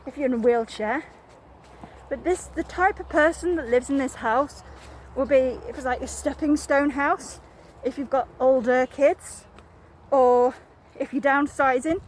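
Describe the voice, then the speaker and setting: A high-pitched woman leads a property tour with chatty enthusiasm, talking straight to the viewer. She sounds slightly out of breath from wearing a mask. The recording comes from a handheld phone, moving between rooms and the garden. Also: a little mellow, a little hiss or hum. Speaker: estate agent. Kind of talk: walk-through property tour. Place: house and garden, indoors and outdoors.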